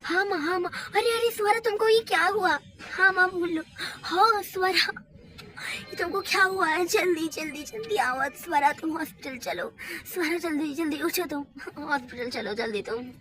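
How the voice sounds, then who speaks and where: A woman voicing a protective young husband who speaks in hurried, urgent repeats. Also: sits high, natural voice. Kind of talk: hobby doll mini-movie voice acting. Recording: noisy home recording.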